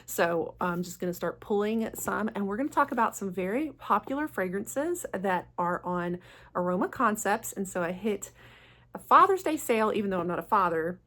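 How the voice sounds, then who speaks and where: A woman's voice: medium pitch, expressive, normal speed, fairly bright tone. A woman hosting a casual, chatty fragrance review vlog in a gushing, enthusiastic manner. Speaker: fragrance vlogger, channel host.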